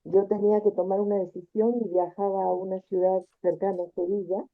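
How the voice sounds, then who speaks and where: Woman telling a heartfelt story on a video call, earnest, slow to find words, audio sounds like a phone line. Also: mid-range voice, little pitch movement. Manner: earnest and reflective, pausing and repeating words. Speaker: meeting participant sharing a personal story. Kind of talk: heartfelt personal testimony on a group video call.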